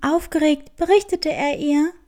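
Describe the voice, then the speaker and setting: A woman calmly narrating a children's storybook. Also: sits high, measured pace.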